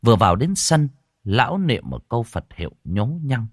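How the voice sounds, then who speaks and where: A man narrating a spooky audio story in an expressive way, swinging between hushed and raised tones. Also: medium pitch, normal speed, no echo, studio quality.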